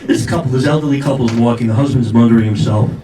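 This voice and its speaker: A man's voice: medium pitch, racing. A middle-aged man doing a brash, rambling, self-mocking stand-up comedy set. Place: live comedy show venue. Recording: roomy live venue, distant mic, loud noise.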